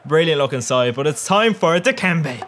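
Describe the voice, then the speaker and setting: A man's voice: fairly high pitch, expressive, normal speed, over loud music. A young man giving cheeky, crude gameplay commentary, often laughing at his own jokes. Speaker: gaming YouTuber.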